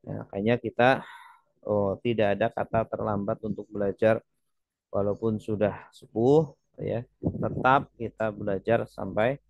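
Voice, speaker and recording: A man's voice: on the low side, steady tone, unhurried, gravelly, no echo, muffled recording. A man teaching Quran reading in a webinar. He tags his points with "ya" and stretches out the Arabic words he recites as examples.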